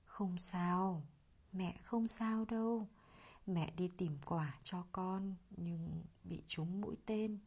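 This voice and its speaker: A woman voicing a gentle, injured mother monkey in a storybook, speaking softly and tenderly. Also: fairly low pitch, slow pace, husky, heavily acted. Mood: weak tender. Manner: soft, hushed and tender.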